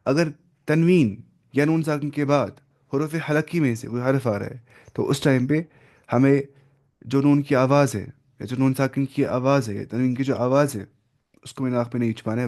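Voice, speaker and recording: A man teaching the rules of Quran recitation in a casual lesson, often slipping in English terms and modelling examples slowly. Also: mid-range voice, a little mellow. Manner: explains, then models slow drawn-out recitation; mixes English terms into explanations.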